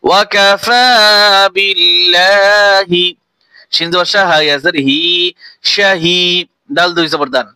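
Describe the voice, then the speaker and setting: A man's voice: high-pitched, steady tone, slow, long pauses, bright, forceful tone, smooth, no room sound. A man teaching Quran reading, spelling each syllable out letter by letter and then reciting the verse in a melodic chant.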